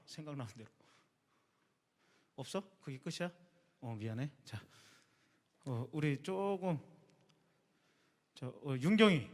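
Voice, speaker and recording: Youth pastor, male, chatty and quizzing the kids by name; sharp, bright tone, reverberant sanctuary. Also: on the high side. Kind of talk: casual youth sermon. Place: church sanctuary. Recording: long reverb of a church hall.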